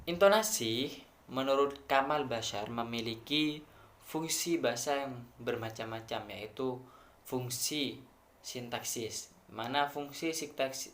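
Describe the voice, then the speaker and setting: Indonesian-accented male student presenter, measured and methodical, filler-heavy delivery, echoey room sound. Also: mid-range voice, fairly bright tone. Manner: measured, explains step by step with many fillers. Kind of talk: academic presentation.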